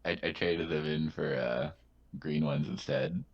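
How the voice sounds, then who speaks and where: A man's voice: extremely low pitch, level tone, unhurried, creaky, lo-fi sound, crowd noise. A man playing in a tabletop game over voice chat, with robotic, glitchy audio, talking in an offhand, joking way. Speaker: player.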